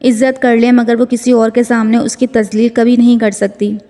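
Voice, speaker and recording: A woman reading a romance novel aloud, slow and emotional. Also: a little high, flat delivery, mellow. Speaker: novel reader. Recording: long hall reverb.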